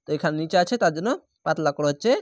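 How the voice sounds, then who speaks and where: A man with a Bangladeshi Bengali accent teaching Quran reading rules step by step, with slow drawn-out recited examples. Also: a little high, no echo, clean studio sound. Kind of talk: spelled-out Quran recitation lesson.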